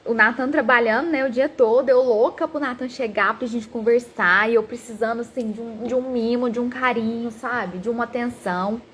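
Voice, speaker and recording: Woman in her thirties, psychologist talking about parenting, animated, acts out quotes, slight background noise. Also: on the high side, moderate pace, hardly any pauses. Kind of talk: talk on parenting.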